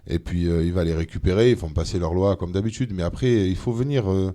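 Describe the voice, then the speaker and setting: Homme à la voix grave et sombre. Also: male voice, low voice, brisk. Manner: animated, many hesitations. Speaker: guest, member of parliament. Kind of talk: casual political interview. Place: studio of a streamed show.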